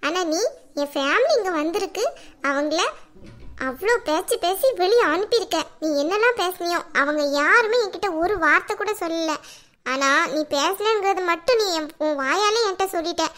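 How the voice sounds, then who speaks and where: Woman doing a fed-up young cartoon wife, very high bright voice, sharp and defiant. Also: animated, normal speed. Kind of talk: cartoon voice acting.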